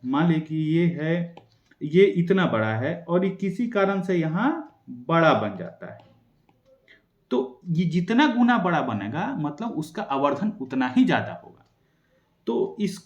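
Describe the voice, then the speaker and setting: A young man teaching an exam-prep science lesson, quickly asking and answering his own questions. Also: on the high side, roomy sound.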